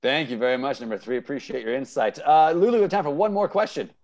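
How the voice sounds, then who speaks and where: Fast-talking, with a medium-pitched and slightly mellow voice, this man in his thirties hosts a lighthearted game show on a video call from home. As an improv teacher, he keeps the energy upbeat and often repeats answers back.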